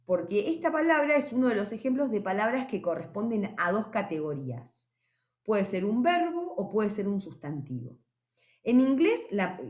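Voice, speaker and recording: Female teacher for a recorded lesson, patient explainer, very expressive up-and-down delivery, roomy echo. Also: lowish voice. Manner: explains patiently, often asks "¿sí?" to check understanding; says English words slowly and clearly. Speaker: English teacher.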